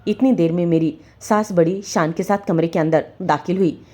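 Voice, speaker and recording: A woman's voice: fairly low pitch, normal speed, mellow. A woman narrating a story in the first person, with earnest, emotional storytelling.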